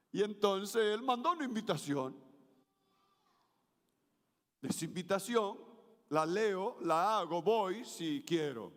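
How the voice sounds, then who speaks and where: High-voiced pastor preaching in a hall. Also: male voice, lively intonation, slow pace, long pauses. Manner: varies intonation for emphasis, leads congregation in call-and-response. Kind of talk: sermon. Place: church sanctuary. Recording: reverberant church hall.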